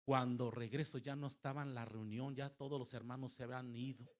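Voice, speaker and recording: A middle-aged man preaches from a church pulpit. He tells a personal story with strong drama, rising to loud emphatic calls and then dropping to quiet recounting. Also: mid-range voice, steady tone, brisk. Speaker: pastor. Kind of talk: Spanish-language sermon with storytelling. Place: church service.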